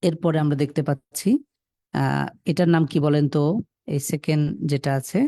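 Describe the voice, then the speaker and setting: A man leads a Quran reading class in a warm, mellow voice. He patiently sounds out letters, stretching and repeating them for his students. The recording is dry and close, with no room sound. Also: on the high side, fairly even intonation, normal speed, gravelly, no echo. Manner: sprinkles in pious phrases. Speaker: Quran teacher. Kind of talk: Quran recitation lesson.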